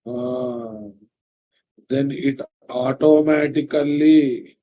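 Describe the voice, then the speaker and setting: A man's voice: mid-range voice, steady tone, drawn-out words, warm tone, rough recording. A middle-aged man with a Telugu Indian accent lecturing in a live online programming class, dictating notes and repeating phrases as he goes. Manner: repeats phrases while dictating, quizzes listeners. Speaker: programming instructor. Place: indoors, online class from a computer.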